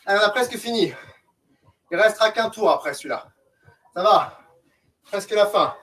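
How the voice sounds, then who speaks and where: A man's voice: high-pitched, expressive, moderate pace, a bit bright. A man coaching a group workout, giving short, commanding and encouraging instructions. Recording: distant mic, noisy background, clicks.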